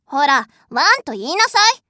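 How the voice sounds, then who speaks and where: A woman gives a full character voice to a spoiled, haughty rich young lady in an adult audio drama, playing her as bossy, cruel, imperious, scornful and mocking. Her sing-song voice sits high, pushed and bright, at a moderate pace, in a dry, studio-quality recording.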